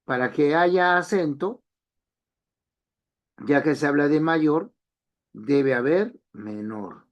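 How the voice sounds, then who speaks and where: A man's voice: a little high, slow pace, pauses often. A man teaching an online language class, explaining step by step and repeating key phrases.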